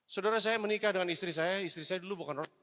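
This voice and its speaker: Bright-voiced preacher in a reverberant hall. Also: male voice, sits high, rapid-fire. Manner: personal storytelling, mixes English phrases, addresses "saudara"; swings between loud exhortation and hushed confession. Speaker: evangelist preacher. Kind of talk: sermon. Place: church hall.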